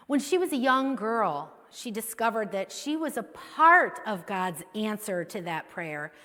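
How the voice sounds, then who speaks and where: A woman pastor preaches in a warm, conversational way, pitched a little high and swinging lively between high and low. She keeps checking in with her listeners as she talks. Her voice rings through a church sanctuary with a long reverb tail. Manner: chatty, keeps checking in with "right?". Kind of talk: conversational sermon.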